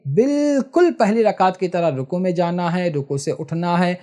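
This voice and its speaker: A man's voice: high voice, lively intonation, dark tone. Patient man teaching prayer step by step. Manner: patient, repeats checks with listeners; slow, drawn-out chanting in recitations. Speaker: prayer instructor. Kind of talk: step-by-step religious tutorial.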